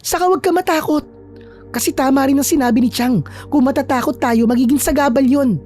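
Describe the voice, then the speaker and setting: A woman voicing a feisty young woman who is a loyal friend, talking in a brisk, scolding but reassuring way. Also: sits high, darkish tone, faint music behind, lightly acted. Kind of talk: storytelling with acted dialogue.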